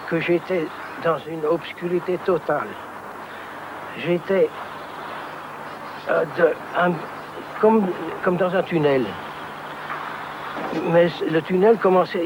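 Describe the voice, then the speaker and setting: A man's voice: a little high, background noise. A man giving a personal testimony in a hesitant way, with stumbling restarts and repeated words. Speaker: near-death experience witness.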